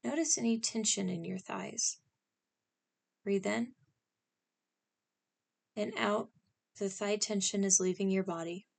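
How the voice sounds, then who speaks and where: A woman with a mid-range, gravelly voice guides a scripted meditation slowly and calmly. She gives instructions in short, spaced phrases and pauses often.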